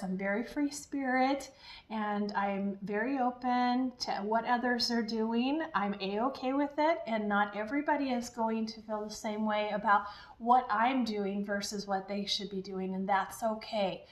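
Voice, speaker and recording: A woman's voice: a little high, measured pace. A woman talking casually and encouragingly to her viewers as a diet vlogger, in an upbeat, chatty way. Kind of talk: casual chatty vlog talk. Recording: echoey room.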